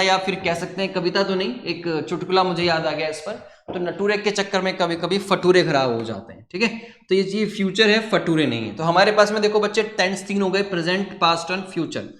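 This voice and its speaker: A man's voice: high-pitched, a little fast, a bit bright, roomy sound. A man teaching a coaching class, telling a joke and explaining grammar in a chatty style, often checking in with "okay". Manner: chatty, storytelling, says "ठीक है" often.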